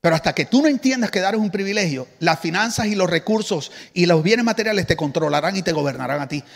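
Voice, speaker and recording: A man preaching a lively sermon to a congregation as the church's pastor, joking with the crowd and having them repeat after him. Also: sits high, fast talker, gravelly, in a large hall. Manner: animated, joking asides to the congregation.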